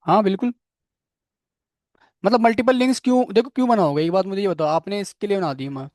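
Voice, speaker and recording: Guy teaching html and css, highish voice, keeps checking in with students. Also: quick pace, darkish tone, no echo, studio quality. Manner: asks students questions, repeats "ठीक है" often; admits struggling with a technical word. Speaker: programming instructor. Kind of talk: live coding lecture.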